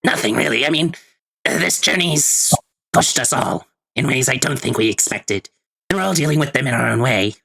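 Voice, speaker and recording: A man playing a weary, reflective, gently concerned adventurer in a tabletop game, husky and gravelly, speaking haltingly. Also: medium pitch, animated, dry recording, heavily acted. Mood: gentle, reassuring.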